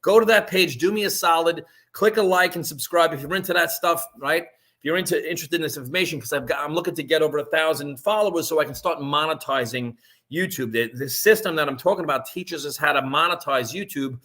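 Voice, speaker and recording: Pushing a bright voice at a quick pace, a man in his fifties casually pitches an online business on a live stream. He rambles and restarts a lot, regularly checking in with "right?".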